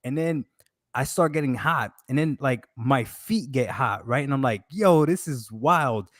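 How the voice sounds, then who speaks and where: A man's voice: mid-range voice, moderate pace, dry recording, studio quality. A man casually telling a long date story, animatedly acting out his own quotes in a raised voice.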